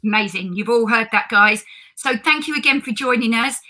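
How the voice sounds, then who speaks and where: A woman's voice: fairly high pitch, moderate pace, sharp tone, poor audio. A woman hosting a live online interview, enthusiastic and upbeat. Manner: enthusiastic, keeps saying amazing. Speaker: interview host.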